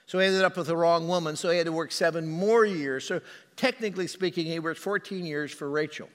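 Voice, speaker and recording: Male preacher, conversational storytelling sermon, slightly high voice, hall reverb. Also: steady tone, fairly quick, a bit bright. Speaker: pastor.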